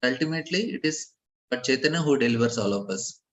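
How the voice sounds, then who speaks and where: A man giving a scripture class, speaking haltingly, repeating words and chuckling, with chanted Sanskrit verses. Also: medium pitch, expressive, rough recording. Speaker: spiritual teacher.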